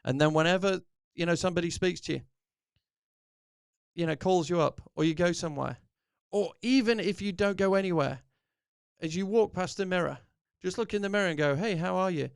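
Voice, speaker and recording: A man's voice: high-pitched, fairly quick, vocal fry, clear, resonant tone, no room sound, clean studio sound. A middle-aged man hosting a podcast, giving an earnest, encouraging motivational talk that rambles with restarts. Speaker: podcast host.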